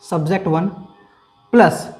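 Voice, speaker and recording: A male teacher explains a lesson step by step, tossing questions at his listeners and answering them himself. He slows down to repeat key terms for emphasis, with faint music in the background. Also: high-pitched, a little mellow. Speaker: English grammar teacher.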